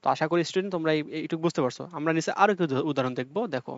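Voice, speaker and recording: A man's voice: on the high side, rapid-fire, no echo. A young man teaching an exam-prep lesson, explaining step by step and repeating key points to check that students follow. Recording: dull lo-fi audio.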